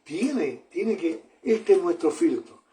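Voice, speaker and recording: Earnest male preacher with a mellow, slightly raised voice. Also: a little high, very animated, slow pace. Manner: earnest, repeats phrases, addresses listeners as brother. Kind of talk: sermon.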